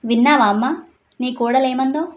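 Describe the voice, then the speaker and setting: A woman's voice: sits high, fairly even intonation, moderate pace, close to an everyday voice. A woman voicing a playful, bossy young husband who teases and scolds his wife in a read-aloud story. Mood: teasing. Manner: teasing, scolding.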